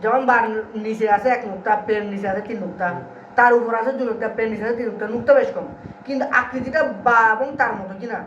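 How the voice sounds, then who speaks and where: A man's voice: extremely high pitch, fast, a bit bright. A male teacher leads a lesson, constantly checking whether his students follow. He sounds set back from the mic in a roomy classroom. The recording is dull, with a faint hiss underneath. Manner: keeps quizzing students, call-and-response drilling. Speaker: Urdu grammar teacher. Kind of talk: classroom lecture. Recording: roomy, distant, dull and slightly noisy.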